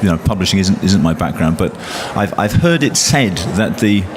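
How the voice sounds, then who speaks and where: A poet on a panel speaks hesitantly, with many restarts and fillers, while loud traffic noise runs behind him. His voice sits low with lively intonation, at a normal speed.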